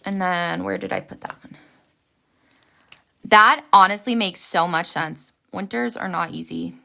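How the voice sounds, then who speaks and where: A woman's voice: lowish voice, unhurried, gravelly, pushed and bright. A woman hosting a casual planner livestream, chatty and upbeat, reacting to viewers' comments while she decorates.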